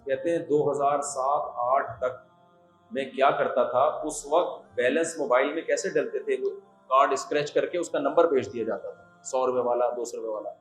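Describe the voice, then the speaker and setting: A man's voice: mid-range voice, fairly even intonation. A man gives a humorous religious lecture, telling stories with jokey asides to an audience of students. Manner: storytelling, jokey asides, quoting voices. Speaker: religious scholar giving a talk. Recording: echoey hall, faint music.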